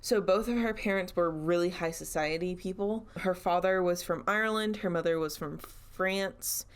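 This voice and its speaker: A woman's voice: fairly low pitch, normal speed, clean tone. A young woman co-hosting a podcast, telling a story in a chatty, casual way with giggly asides.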